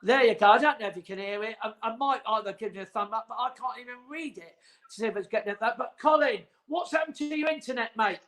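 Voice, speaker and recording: Chatty high-voiced man hosting from home. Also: fast, a bit bright. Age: 40s. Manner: rambling, teasing, chatty. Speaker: host. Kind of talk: casual livestream chat.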